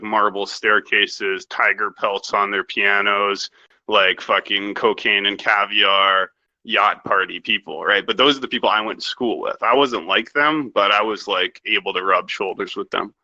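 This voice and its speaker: A young Canadian man speaks as a guest on a casual podcast interview, telling rambling, profane, self-assured stories about how he grew up. His voice is fairly low and sharp in tone, and the recording sounds muffled.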